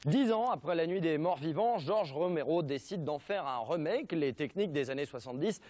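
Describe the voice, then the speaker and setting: A man's voice: a little high, animated, moderate pace, darkish tone. A man with a French accent hosting a television show, presenting film history with an ironic, mock-serious delivery and jokey asides.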